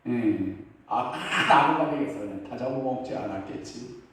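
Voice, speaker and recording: A middle-aged pastor questions his congregation as he preaches, folksy and quick to joke about his own family. His voice rings through a very reverberant church hall. He sounds a little off the microphone. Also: medium pitch, lively intonation, fairly bright tone. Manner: asks the congregation questions and waits for replies; folksy, jokes and acts out family quotes. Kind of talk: Wednesday evening prayer service sermon. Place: church sanctuary. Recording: very echoey hall, mic at a distance.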